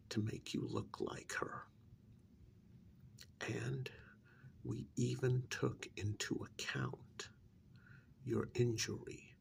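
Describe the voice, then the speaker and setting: In a soft-spoken ASMR role-play, a man plays a cold, condescending superior at a secret agency, measured and patronizing. He uses a breathy, gravelly half-whisper with deliberate pauses, at medium pitch and in an exaggerated voice.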